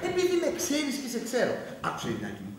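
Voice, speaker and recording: Man playing flippant stage husband, teasing, lively swinging pitch, very echoey hall, far mic. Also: a little hiss or hum. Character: flippant, charming husband who is leaving his wife. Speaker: actor in an amateur stage comedy. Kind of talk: theatrical stage acting.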